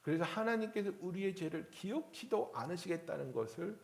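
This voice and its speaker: A man's voice: sits high, animated, a little fast, gravelly. A man preaching a sermon as pastor, telling a story and acting out the voices in it. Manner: rising to forceful preaching.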